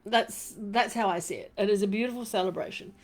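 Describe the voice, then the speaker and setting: A woman with a New Zealand accent hosting a casual live stream from home, rambling warmly with many fillers and lots of "fabulous" and "beautiful". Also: mid-range voice, fairly quick. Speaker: crystal and essential oil live-stream host. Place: home room. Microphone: desk microphone she turns around.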